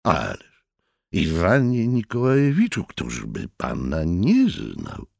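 A man with a low, raspy voice reading a story aloud and voicing a sly, amused foreign professor who speaks slowly and courteously. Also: huge pitch swings, darkish tone, dry recording, studio quality, heavily acted. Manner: amused, unhurried, insinuating.

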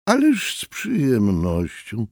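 A man's voice: mid-range voice, wildly swooping pitch, a little mellow, no echo, clean studio sound, pitched above the performer's own voice, exaggerated voice. A man voicing a sly, mocking foreign professor. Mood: courteous. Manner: amused, unhurried, insinuating.

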